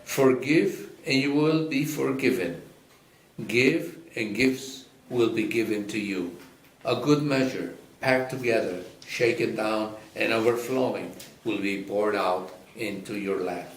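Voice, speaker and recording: Man, clergy, slow solemn liturgical delivery, cathedral-like echo, church acoustic. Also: fairly low pitch. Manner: solemn, measured. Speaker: priest or deacon reading the Gospel at Mass. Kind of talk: liturgical scripture reading and chanting. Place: reverberant church during a service.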